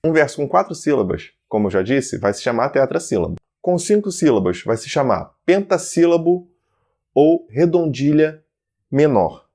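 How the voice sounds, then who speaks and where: Lively Brazilian male teacher. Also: on the high side, normal speed. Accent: Brazilian Portuguese. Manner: lively teacher, checks in with "certo?" and "ok?"; lists terms one by one in a steady rhythm. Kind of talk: explaining poetic verse forms to students.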